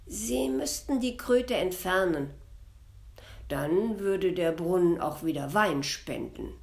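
A woman playing a gruff, barking devil. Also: on the low side, expressive, slow pace, heavily acted. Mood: grumbling. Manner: loud barking outbursts. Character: gruff male devil, grumpy and sleepy.

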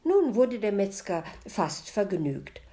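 A woman reading a folk tale aloud, narrating softly and often in a near whisper. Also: mid-range voice, big pitch swings, slow. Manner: soft, half-whispered narration. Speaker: storyteller. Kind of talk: storybook reading.

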